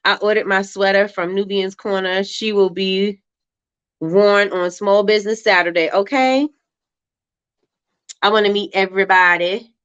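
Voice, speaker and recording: A woman's voice: medium pitch, steady tone, unhurried, long pauses, fairly bright tone, clear, resonant tone. A woman from Brooklyn with a Brooklyn accent, hosting a casual livestream chat in an informal, slangy way as she reads out and answers comments. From Brooklyn, New York. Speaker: livestream host. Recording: dull, lo-fi livestream audio.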